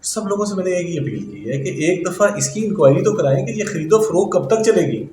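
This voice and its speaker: A man's voice: high-pitched, lively intonation, a little mellow, distant mic. A middle-aged man and interview guest, speaking earnestly and respectfully, often addressing his host as sir. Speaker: interview guest, engineering teacher. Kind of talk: interview answers. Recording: echoey room.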